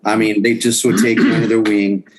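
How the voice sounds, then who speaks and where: A man's voice: on the low side, level tone, fairly quick, background noise. A man in his fifties, a guest musician, telling stories casually in a podcast interview, rambling with restarts and chuckles.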